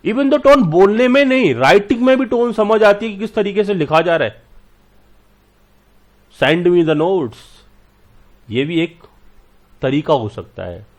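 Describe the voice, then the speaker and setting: A man teaching a class and explaining patiently with everyday examples. He speaks to his students fondly and keeps checking that they follow. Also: high voice. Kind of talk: classroom lecture.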